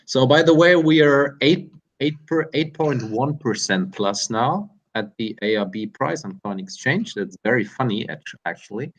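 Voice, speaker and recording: Brief: stream moderator, man, middle pitch, stumbles a bit while reading out questions. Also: lively intonation. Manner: halting, hesitant, reads questions aloud. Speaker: livestream moderator.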